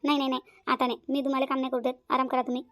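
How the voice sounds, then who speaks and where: A woman's voice: high-pitched, completely flat delivery, very fast, a bit bright, no echo. A woman voicing a devoted younger sister-in-law in a cartoon, earnest and insistent. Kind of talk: cartoon voice acting.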